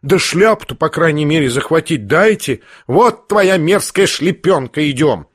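A man reading aloud voices an imperious, hot-tempered older noblewoman who scolds in sharp exclamations. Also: fairly high pitch, lively intonation, a little slow, no echo, clean studio sound. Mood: furious.

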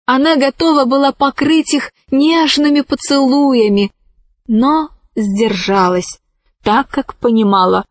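A woman narrating a storybook in a measured, storytelling manner. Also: on the high side, no echo. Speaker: audiobook narrator. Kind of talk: scripted narration.

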